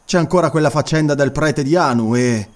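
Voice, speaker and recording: A man's voice: a little high, brisk, close to an everyday voice. A man voicing a nervous young aristocrat. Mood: anxious.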